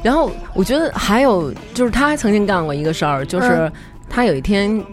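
A woman, co-hosting a comedy talk show, telling stories in a chatty, animated way and laughing as she goes. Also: medium pitch, brisk, soft background music. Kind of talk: casual comedic storytelling.

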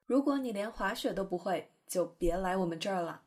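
A woman's voice: medium pitch, animated, fairly quick. A woman hosting an English-learning program, explaining in a chatty, playful way with careful pronunciation demos. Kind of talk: educational podcast narration.

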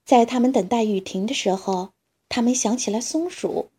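A woman reading a children's story aloud in a slow, gentle storytelling manner. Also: fairly high pitch, breathy edge.

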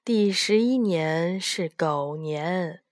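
A woman voicing a kind old male emperor of heaven in a storybook, making slow, grand pronouncements. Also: fairly low pitch, a little mellow, dry recording, studio quality. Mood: pleased.

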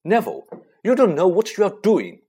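A man voicing a quick-tempered schoolboy who talks in a raised, exasperated way. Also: sits high, huge pitch swings, warm tone, slightly rough, pitched above the performer's own voice, heavily acted.

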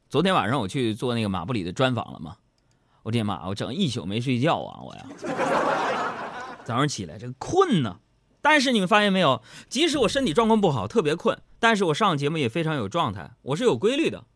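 Lively bright-voiced male comedy host. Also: mid-range voice, quick pace, no echo, studio quality. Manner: animated, mimicking, playful. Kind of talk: stand-up comedy monologue.

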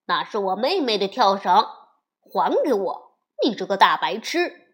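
Woman doing a boy bear cub, big brother, loud and indignant. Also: mid-range voice, slow pace, close to an everyday voice. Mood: angry. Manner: indignant, shouting.

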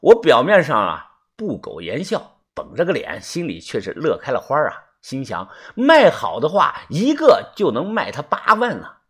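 A man narrating a first-person novel with lively storytelling and wry asides. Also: on the high side, normal speed, hardly any pauses, breathy edge. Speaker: audiobook narrator.

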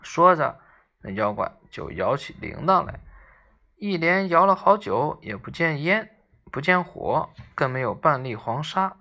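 A storyteller reads a classic tale for children with lively, expressive narration. The voice is gravelly, with plenty of fry. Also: mid-range voice, measured pace.

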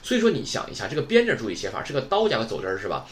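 Guy from northeast china walking thru a vocab list, lots of "right?" checks, bouncy pitch. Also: wildly swooping pitch, very fast, slight background noise. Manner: explains patiently, keeps asking rhetorical questions. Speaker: Japanese teacher. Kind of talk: recorded vocabulary lesson.

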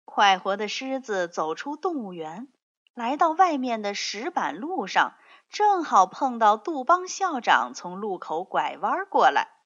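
A woman reading a children's picture book aloud, telling the story slowly and expressively. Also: mid-range voice, sing-song, a bit bright. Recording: dull lo-fi recording.

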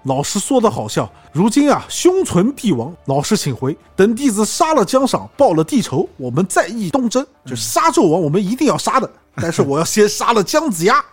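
Guy doing a young prince out for revenge, defiant, voice climbing high. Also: big pitch swings, brisk, few pauses, husky, soft background music, exaggerated voice. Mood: defiant grief. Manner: pleading, defiant. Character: young prince, grieving and vengeful.

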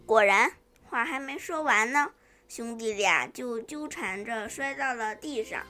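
A woman with a high voice reads a children's storybook aloud, gently and clearly. Music sits clearly behind her the whole time. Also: expressive, unhurried.

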